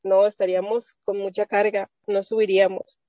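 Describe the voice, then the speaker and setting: A woman's voice: mid-range voice, little pitch movement, normal speed, dry recording. A woman sharing an earnest, rambling faith testimony with women of her church on a video call, with many restarts. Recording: dull lo-fi video call audio.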